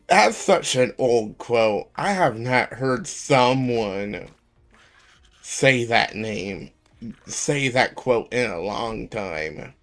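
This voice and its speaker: Slow rambling guy with a gravelly voice. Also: medium pitch, expressive, fairly bright tone. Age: 20s. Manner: rambling, many ums and pauses. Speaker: streamer. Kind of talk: casual live stream chat.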